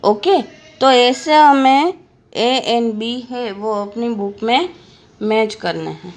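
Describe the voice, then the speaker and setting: A woman's voice: a little high, slow. A woman teacher giving a lesson to young children, spelling words out letter by letter and asking questions she answers herself.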